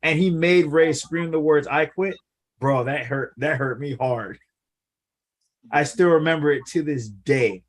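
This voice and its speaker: A man co-hosting a podcast, talking casually and excitedly about wrestling, with many filler words. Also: fairly high pitch, a little slow. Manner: animated, lots of "like" fillers. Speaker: podcast co-host.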